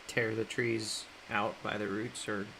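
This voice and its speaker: A man's voice: fairly low pitch, creaky, sharp tone, slight background noise, low-quality recording. A man casually chatting on a livestream while drawing, reading chat aloud, rambling and laughing often. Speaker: artist streaming while drawing.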